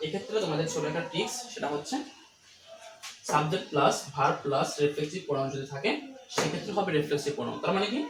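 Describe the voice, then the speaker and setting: A man teaching English grammar, explaining quickly and slowing down to read each English example aloud. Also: fairly high pitch. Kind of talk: classroom-style grammar lesson. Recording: roomy, distant mic, noisy.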